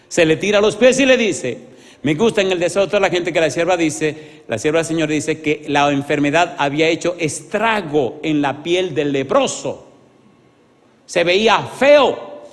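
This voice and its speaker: A man's voice: a little high, lively intonation, a little slow. Dramatic preacher man in a reverberant hall. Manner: dramatic, swinging between loud exclamations and hushed pleading; asks the congregation repeated rhetorical questions. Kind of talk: evangelistic sermon.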